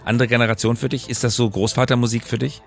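Gravelly and quick, a middle-aged co-host keeps a level tone at medium pitch as he makes casual conversation on a podcast. Soft background music runs underneath.

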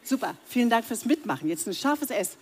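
A woman's voice: on the high side, sing-song, a little fast, slight background noise. A woman voice coach speaking directly to a live audience, leading breathing and humming exercises and demonstrating the sounds herself. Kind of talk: live voice training workshop. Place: seminar room with audience.

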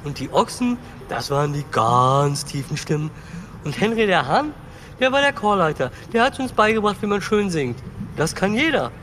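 A man's voice: high-pitched, very animated, moderate pace, fairly bright tone, a little hiss or hum. An actor voicing a cheerful young male foal who talks in casual slang in a children's audio drama. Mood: eager.

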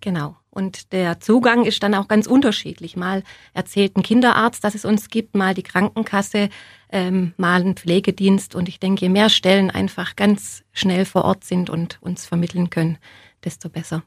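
A woman's voice: mid-range voice, fairly even intonation, normal speed, husky, dry recording. A woman guest giving conversational, explanatory answers in a studio interview. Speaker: interview guest, social worker.

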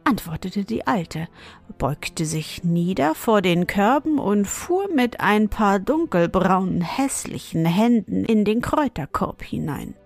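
A woman narrating a fairy tale in a measured, expressive storytelling manner. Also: mid-range voice, vocal fry. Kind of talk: fairy-tale audiobook reading.

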